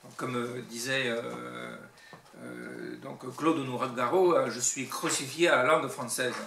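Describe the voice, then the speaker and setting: A man giving casual spoken commentary on books, in a halting way with many restarts. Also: mid-range voice, fairly even intonation, gravelly, pushed and bright, recorded from a distance, a little hiss or hum. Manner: halting, with many restarts and a frequent tag word. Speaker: book commentator. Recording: roomy sound from off the mic.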